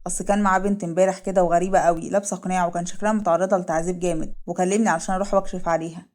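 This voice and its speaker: A woman's voice: on the low side, steady tone, rapid-fire, a little mellow, natural voice. Woman doing a polite male doctor.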